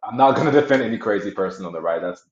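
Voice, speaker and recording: A man's voice: fairly low pitch, animated, very fast, slight background noise. A man speaking as a guest in a casual political chat, blunt and emphatic, now and then laughing mid-sentence, over a video call. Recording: echoey, dull remote audio.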